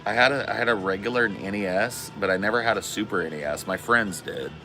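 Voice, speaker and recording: A man's voice: fairly low pitch, quick pace, music in the background. A man in his forties chatting casually on a live stream, laid-back and slangy, swearing often. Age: 40s. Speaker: streamer reading chat.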